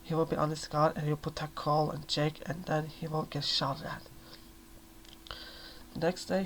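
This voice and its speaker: A man narrating a novel in a gentle, hushed, soft-spoken ASMR reading. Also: on the high side, creaky, a little hiss or hum, poor audio.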